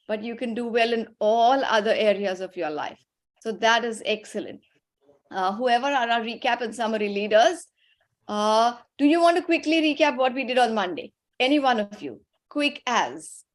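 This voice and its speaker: A woman with an Indian accent teaching children on a video call, patient and encouraging as she instructs and prompts them. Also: a little high. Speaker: teacher leading an online religious class for children.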